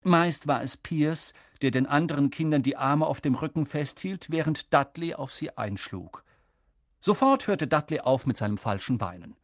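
Expressive storybook narrator, lively pitch. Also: moderate pace, no echo, clean studio sound. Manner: expressive, voices the characters. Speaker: audiobook narrator.

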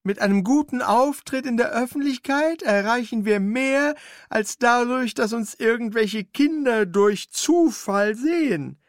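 A narrator putting on the voice of a fussy, servile old manservant in a radio play, talking high and quick. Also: male voice, no room sound. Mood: instructive. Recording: dry studio recording.

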